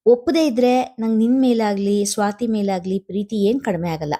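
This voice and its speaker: A woman voicing a caring older man, an elder brother who talks in a calm, soothing, measured way. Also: medium pitch, close to an everyday voice. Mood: persuasive.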